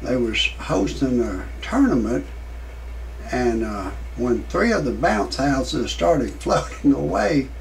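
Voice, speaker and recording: A man in his sixties hosting a comedic parody monologue, rambling in a deadpan way with many fillers. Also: takes it slowly, creaky, slight background noise, low-quality recording. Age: 60s. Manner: shouts quoted lines in a much higher voice. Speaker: parody show host.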